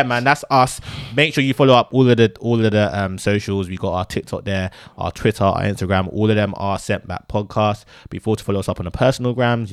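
A young man with a London roadman accent talks quickly in a close, dry recording. He hosts casual podcast banter, slangy and animated, ready to argue his point. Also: fairly low pitch, no room sound. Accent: London, urban roadman slang. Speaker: podcast host.

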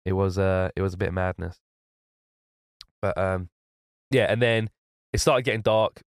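A young man, calmly explaining the details of a trip in casual chat. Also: deep voice, normal speed, smooth, dry recording, clean studio sound. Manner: calm, explanatory storytelling.

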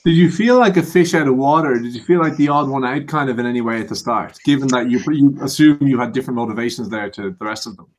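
Man hosting, mid-pitched voice. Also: fast, hardly any pauses, rough recording. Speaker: podcast host, interviewer. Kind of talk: casual interview.

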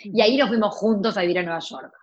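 An Argentine actress in her forties, speaking with a Rioplatense accent, chats informally about her life and keeps restarting and adding asides. Her mid-range voice moves at a quick pace, and the audio is dull.

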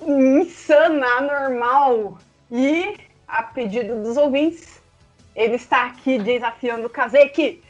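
A woman with a Brazilian accent hosting a challenge show in an excited, casual, animated way with drawn-out announcements. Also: sits high. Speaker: host of a quiz challenge show. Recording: dull lo-fi sound, music behind.

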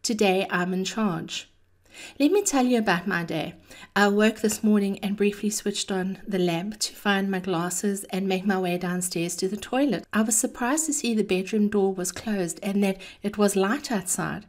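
A woman hosting a podcast gives a chatty, motivational monologue at normal speed, her pitch average for a woman. She's theatrical and cheeky, weaving personal anecdotes in with her encouragement.

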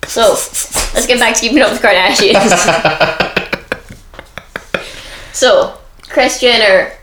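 A woman's voice: on the high side, takes it slowly, a bit bright, roomy sound, slight background noise. A woman co-hosting a podcast, chatting casually and laughing often as she recaps a reality show. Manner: laughs often, acts out quotes. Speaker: podcast co-host.

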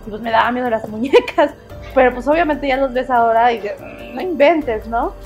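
A Mexican woman in casual chat, talking in an animated way with frequent exclamations. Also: a little high, fast, highs cut off, faint music behind. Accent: Mexican Spanish.

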